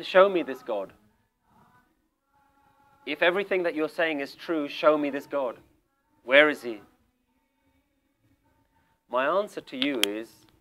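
A man's voice: a little high, fairly bright tone. A male spiritual teacher giving an emphatic, questioning talk to a group seated in a room. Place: room with a small audience.

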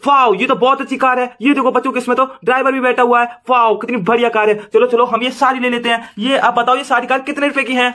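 A man narrating toy play for children, excited and exclaiming often. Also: extremely high pitch, fast talker, few pauses. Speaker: toy video host.

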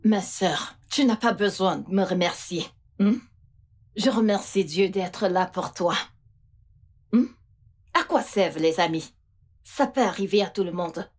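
A woman's voice: medium pitch, unhurried, long pauses, natural voice. A woman playing a soothing, kindly friend. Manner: soothing, reassuring. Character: comforting older friend, calm and kind. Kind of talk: dubbed film drama.

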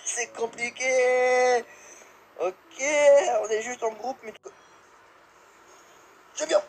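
A young man giving live gameplay commentary, excitable, yelping and laughing, swearing and dropping English exclamations. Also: very high voice, extremely slow, slight background noise, low-quality recording. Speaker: gamer.

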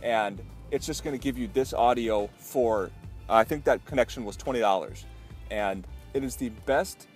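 A young man talking casually to camera in a vlog, chatty and enthusiastic, with lots of fillers. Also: fairly low pitch. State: out of breath. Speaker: vlogger. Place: echoey basement; outdoors by a stream. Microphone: headphone mic into GoPro; handheld lavalier clip mic.

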